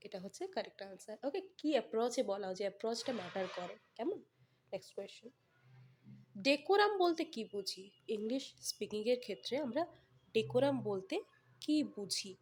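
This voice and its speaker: Woman, Bengali accent, exam-prep teacher, slightly high voice, slow read-outs then brisk explaining. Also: animated, a little mellow, breathy edge. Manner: reads English lines slowly, then explains briskly with check-ins.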